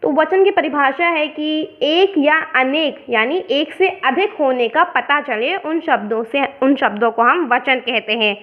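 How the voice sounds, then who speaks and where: High-voiced woman teaching a lesson. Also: a little slow, few pauses. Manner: explains step by step, mixing in English words. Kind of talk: worksheet explanation lesson. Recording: dull lo-fi sound.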